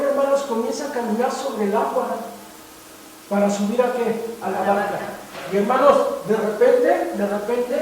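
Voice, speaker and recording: A man's voice: very high voice, a little mellow, heavy reverb, recorded from a distance, a little hiss or hum, rough recording. A man preaching a sermon as pastor, emphatic, often asking the congregation questions.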